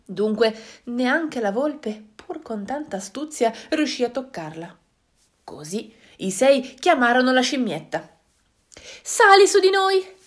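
Expressive woman reading a children's story. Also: fairly high pitch, a little slow. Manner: expressive, sing-song, dramatic hushes.

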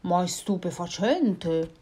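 A woman voicing a big, hungry, slow-witted male monster in a storybook reading, speaking slowly and gruffly. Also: on the low side, animated, warm tone, full character voice.

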